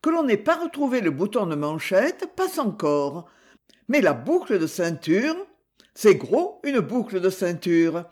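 A reader voicing a candid, probing young woman who speaks softly and earnestly in an audiobook. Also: mid-range voice, very animated, a little slow. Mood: questioning.

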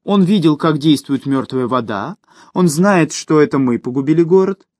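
A man's voice: a little high, animated, moderate pace, a little mellow, no echo, clean studio sound, natural voice. A man doing a cold, sneering schemer woman. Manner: sneering, cutting. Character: cold, mocking, domineering woman, ruthless schemer. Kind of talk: audiobook character voice.

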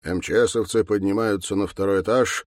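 A man reads an audiobook in a measured, matter-of-fact tone. His voice is on the low side. The recording is dry and close, with no room sound. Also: fairly even intonation, no room sound. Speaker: narrator. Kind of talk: audiobook narration.

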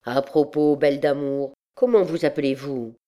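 Woman doing a loud, bold young captain. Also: low voice, moderate pace, close to an everyday voice. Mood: hearty.

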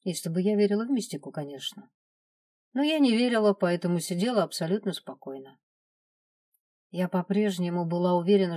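A woman reading a first-person story as an audiobook narrator, in calm scripted narration. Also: mid-range voice, dry recording.

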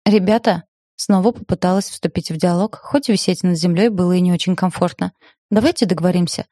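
A woman's voice: fairly low pitch, steady tone, quick pace, warm tone, no room sound. A woman narrating a first-person audiobook in a wry, ironic storytelling manner, close to the mic.

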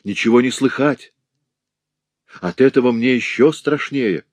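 A man reading an audiobook, voicing a frightened rough thug with a trembling voice. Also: mid-range voice, a little slow, a little mellow, dry recording, voice pushed up, natural voice. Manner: trembling, fearful.

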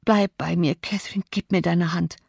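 A woman's voice: fairly low pitch, fairly even intonation, moderate pace, gravelly, darkish tone, slightly rough, dry recording, studio quality. A woman reading an audiobook, voicing a sickly, terrified teenage boy who pleads and gasps. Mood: pleading. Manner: gasping, pleading, fearful.

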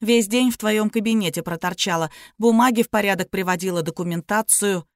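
A woman reading a sly, capricious young woman who talks sleepy and tender or sharp and snappish. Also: mid-range voice, a little fast, dry recording, studio quality, lightly acted. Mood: soothing.

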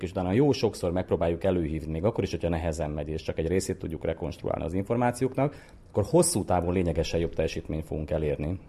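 A psychologist and brain researcher appears as an interview guest, explaining his research in an articulate, scholarly manner as an academic expert. His voice is deep and warm.

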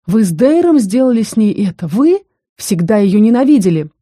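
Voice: mid-range voice, sing-song, normal speed, dark tone, no echo, clean studio sound, pitched above the performer's own voice. A narrator voicing a shaken, grieving young man. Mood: accusing. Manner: pleading, strained, ringing. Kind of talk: audiobook character reading.

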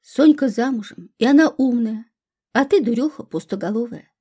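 A woman's voice: on the high side, normal speed, dark tone, husky. A woman voicing a sensible, weary young woman who grumbles at her friend. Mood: grumbling.

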